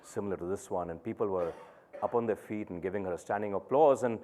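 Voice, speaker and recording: A middle-aged man giving a keynote speech on stage, telling a personal story in an earnest, deliberate way with pauses between phrases. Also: on the low side, mellow, slight background noise. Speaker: keynote speaker. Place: conference stage before an audience.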